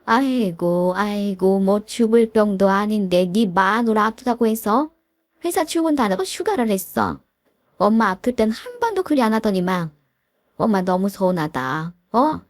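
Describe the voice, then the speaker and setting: A woman's voice: mid-range voice, lively intonation, moderate pace, no echo, lightly acted. A woman voicing a domineering middle-aged mother-in-law who scolds and whines reproachfully. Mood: whiny.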